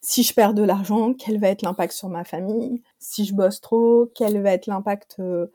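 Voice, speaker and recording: A woman talks through a casual interview with a mellow, dark voice that trembles and cracks from an allergy. She fills her speech with hesitations and restarts. The sound is dry and close. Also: medium pitch, steady tone, moderate pace, dry recording. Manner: talkative, many fillers and restarts. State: voice weak and shaky from allergy. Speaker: app founder, guest.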